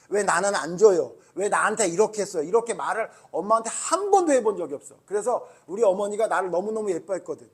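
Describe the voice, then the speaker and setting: Lively, high-voiced pastor telling a children's sermon. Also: male voice, breathy edge. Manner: lively storytelling with questions to the children.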